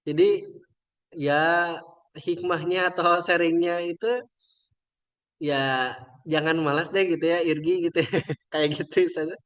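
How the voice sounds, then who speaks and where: A man's voice: on the high side, little pitch movement, measured pace, pauses often, fairly bright tone. Young man telling a heartfelt story. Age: young adult. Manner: chatty, moved, often trailing off with fillers. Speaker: religious teacher and invited speaker. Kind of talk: casual heartfelt storytelling talk.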